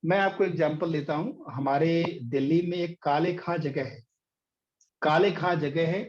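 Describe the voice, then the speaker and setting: Speaking at a measured pace in a fairly high, slightly mellow voice with fairly even intonation, a middle-aged man coaches business in an online session. He teaches through anecdotes, hesitating often and using many fillers, over dull lo-fi audio.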